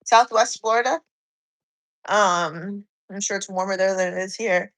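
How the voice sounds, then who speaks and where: A woman's voice: mid-range voice, a little slow, fairly bright tone, low-quality recording. A woman in her forties, slightly out of breath from cardio, chatting on a live stream and reading viewers' comments aloud. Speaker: fitness streamer.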